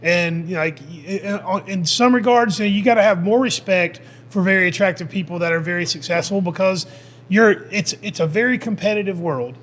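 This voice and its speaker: A man's voice: high-pitched, brisk, a bit bright. A middle-aged man hosting a podcast in casual chat, rambling, repeating words and swearing now and then. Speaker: podcast host.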